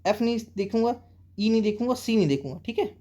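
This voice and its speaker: A man with an Indian accent teaching an exam-prep English lesson, reading English sentences out slowly and often checking with students. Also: sits high, animated, dark tone.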